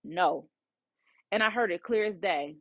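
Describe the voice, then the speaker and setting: A woman's voice: a little high, expressive, moderate pace, dry recording, lo-fi sound. A woman who works as a psychic medium tells a personal story casually and with animation, often saying "you know". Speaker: psychic medium and podcast host.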